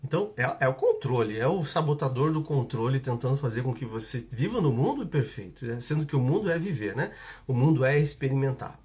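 A man's voice: mid-range voice, animated, fairly quick, darkish tone. Brazilian man coaching a live audience. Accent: Brazilian Portuguese. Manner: repetitive, instructive, checks in with short tags. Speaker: coach hosting a live session. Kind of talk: live coaching talk with an exercise.

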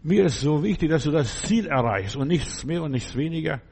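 A man's voice: a little high, animated, brisk, creaky, a little mellow, breathy edge. A man preaching a sermon, pressing his listeners with urgent, repeated exhortations.

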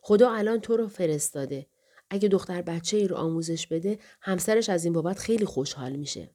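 A woman's voice: lowish voice, animated. A woman voicing a coaxing young spirit woman. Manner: soft, reassuring, whispering.

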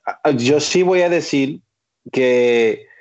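A man's voice: medium pitch, slow pace, a little mellow. A man from New Jersey co-hosting a Spanish-language podcast, earnest and emphatic. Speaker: podcast co-host. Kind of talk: casual podcast chat. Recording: dull lo-fi podcast audio.

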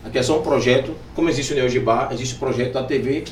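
Fast upbeat Bahian podcast host. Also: male voice, medium pitch, a little hiss or hum. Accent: Bahian Portuguese. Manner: upbeat, teasing, coaxing guests. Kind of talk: casual chat. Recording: echoey room from far off.

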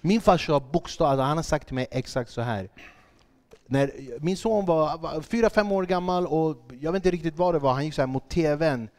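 A man hosting a casual podcast chat, joking and asking probing questions. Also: a little high. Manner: joking, plays out quotes, asks probing questions. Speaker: podcast host, comedian.

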